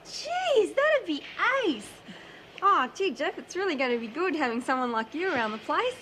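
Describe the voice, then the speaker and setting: A woman's voice: high-pitched, very animated, moderate pace, slight background noise. An actress playing a chatty, cheeky female prisoner who runs bets, with an Australian accent. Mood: eager. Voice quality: bright, eager, slangy. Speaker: prison inmate. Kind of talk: TV drama acting.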